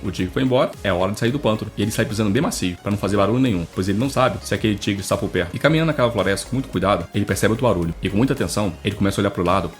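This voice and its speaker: Rapid-fire male recap narrator. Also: lowish voice. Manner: jokey asides. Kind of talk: comic manhwa recap narration. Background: faint music.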